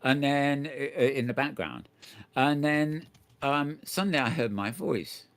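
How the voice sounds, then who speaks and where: An older man hosts a casual chat show, telling a story in a chatty, rambling way full of restarts and stammers. His medium-pitched voice is a bit bright, with lively intonation and a slightly slow pace.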